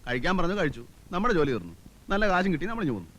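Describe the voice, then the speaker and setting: A brash village schemer with a high, bouncing voice that races along. His bright, glib banter is full of swagger, and soft film music plays underneath. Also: huge pitch swings, racing, full character voice. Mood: jokey. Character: scheming, cheeky middle-aged village man. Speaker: film character, a hired hand. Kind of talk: 1990s film comedy acting.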